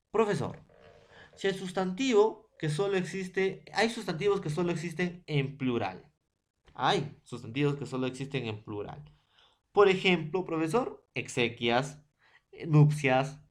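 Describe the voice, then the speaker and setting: A man with a Peruvian accent teaching a grammar lesson to secondary students, listing word pairs and checking in with the class often. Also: mid-range voice. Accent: Peruvian Spanish. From Peru. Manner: lists word pairs one by one.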